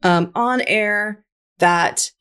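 A woman's voice: medium pitch, extremely slow, fairly bright tone, smooth. A woman co-hosting a podcast in a casual, playful chat, laughing often. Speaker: podcast co-host.

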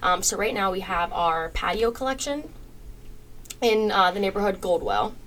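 A woman's voice: medium pitch, moderate pace, a little hiss or hum, rough recording. A woman guest on a podcast, chatting casually about new home communities, with frequent ums as she lists details. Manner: relaxed, frequent ums while listing details. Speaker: home builder sales guest.

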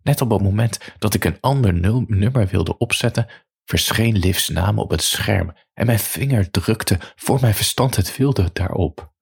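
A man's voice: on the low side, measured pace, gravelly, husky. A man narrating a first-person story in a dry, matter-of-fact way.

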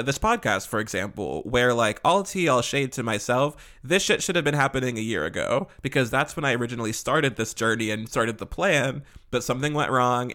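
A man's voice: medium pitch, sharp tone. Male podcast host, mid-range voice, casual and candid, sassy slangy delivery with swearing. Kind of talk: casual, chatty solo podcast talk.

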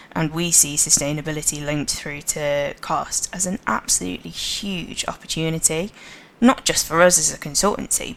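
A woman's voice: low-pitched, vocal fry, a bit bright. A woman with a Liverpool accent, speaking confidently and emphatically as a podcast guest. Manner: confident, emphatic, quick to laugh. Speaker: podcast guest, sustainability lead. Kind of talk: casual podcast interview.

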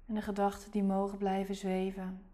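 A woman guiding a relaxation meditation in a soft, calm, soothing whisper. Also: mid-range voice, a little fast. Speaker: meditation guide.

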